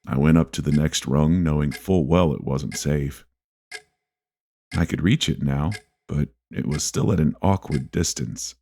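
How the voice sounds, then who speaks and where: A man with an extremely low, mellow voice narrates a scripted first-person horror story, measured and deliberate, with dramatic pauses. A faint hiss or hum sits under the recording.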